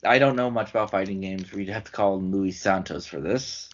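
A man with a fairly low voice hosts a relaxed chat, moving from one category to the next. His voice is wearing out, and the recording sounds dull and lo-fi. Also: moderate pace. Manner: casual, leads through award categories. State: losing his voice. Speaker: podcast host. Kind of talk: casual chat.

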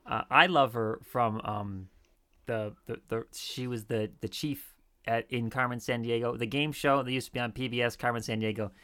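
Male podcast co-host, bright forceful tone, easygoing chat with bursts of animation. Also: medium pitch, normal speed. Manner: animated, laughing, acts out quoted lines. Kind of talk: casual chat.

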